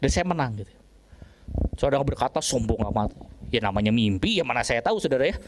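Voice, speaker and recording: A man's voice: medium pitch, lively intonation, fast talker, background noise. A male pastor telling a story in a sermon, often turning to his listeners and acting out voices and sound effects.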